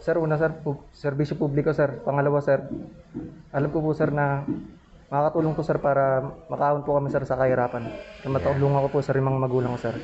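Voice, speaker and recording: A man's voice: mid-range voice, little pitch movement, quick pace, a little mellow, highs cut off, soft background music. A man, a police applicant, answering interview questions in an earnest, polite way.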